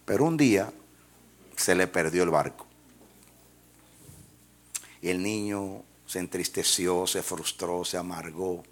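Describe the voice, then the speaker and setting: A man's voice: deep voice, slow pace, long pauses. A man preaching a sermon and telling a story to his congregation. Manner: storytelling, rising to shouted praise.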